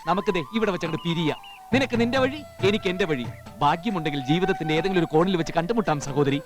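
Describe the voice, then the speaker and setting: A man's voice: on the high side, lively intonation, rapid-fire, soft background music, natural voice. An actor with a Malayali accent playing a hapless broke young man, pleading and whining in a film comedy scene. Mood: coaxing.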